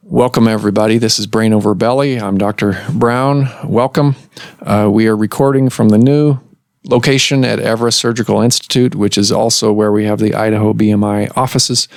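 Low-voiced man hosting a medical podcast. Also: steady tone, dry recording, clean studio sound. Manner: measured, explanatory, with pauses and restarts. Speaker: podcast host and surgeon. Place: office recording room.

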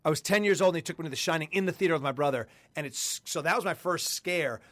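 A middle-aged man chatting on a podcast, emphatic and repeating himself when worked up. His voice sits a little higher than usual for a man. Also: quick pace, fairly bright tone, dry recording. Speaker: podcast co-host. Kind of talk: casual chat.

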